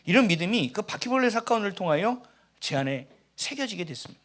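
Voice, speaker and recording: A pastor delivering a sermon in a high, lively voice that swings widely up and down. He talks to the congregation like he is chatting with them, with plenty of animated storytelling. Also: fairly quick.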